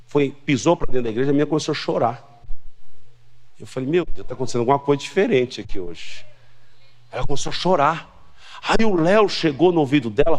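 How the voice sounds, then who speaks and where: A man from Brazil, preaching a sermon as a pastor, swinging from shouted exhortations to hushed storytelling. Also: a little high. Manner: slow emphatic declarations, quick asides. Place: church convention hall.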